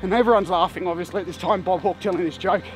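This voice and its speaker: A man talks straight to camera in an animated, emphatic storytelling style. His voice sits high for a man. Soft music plays faintly under him. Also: fast. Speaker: vlogger. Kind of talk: casual storytelling monologue.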